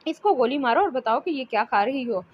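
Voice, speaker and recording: Soft-spoken protective husband, read by a woman, high and light, over faint hiss. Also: expressive, brisk, lo-fi sound. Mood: stern. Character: man, a gentle, doting, protective husband.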